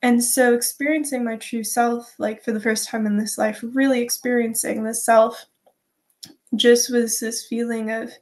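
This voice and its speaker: A woman with a slightly high voice talks as a guest in a spiritual interview. She sounds earnest and stretches words for emphasis as she describes things in an unscripted way. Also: level tone, a little slow, a little mellow.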